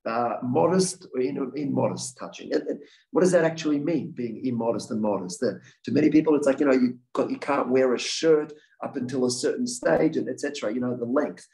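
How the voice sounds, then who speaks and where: A man's voice: mid-range voice, fairly quick, vocal fry, a little mellow, rough recording. A man in his forties giving a talk as a guest speaker and answering audience questions, earnest, often restarting and repeating words. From Australia. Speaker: guest speaker, victims' advocate.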